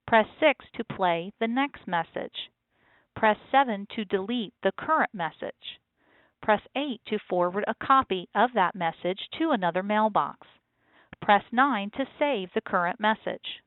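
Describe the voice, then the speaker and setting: Woman doing scripted tutorial narration, measured, tinny narrow phone sound, no room echo. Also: medium pitch. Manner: measured, step-by-step instructing.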